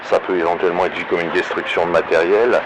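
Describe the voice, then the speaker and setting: Very deep voice-changed man, halting. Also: fairly even intonation, background noise. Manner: halting, frequent self-corrections and repetitions. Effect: pitch-lowering voice changer. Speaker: online video commentator. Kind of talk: unscripted opinionated monologue.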